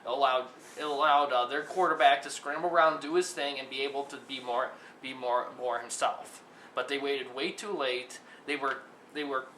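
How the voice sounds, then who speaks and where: A young man arguing on a mock sports talk show, often repeating his words as he builds each point. His voice is bright and fairly high. The echoey room adds a faint hiss behind him. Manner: argumentative, repeats himself when starting a point. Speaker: co-host.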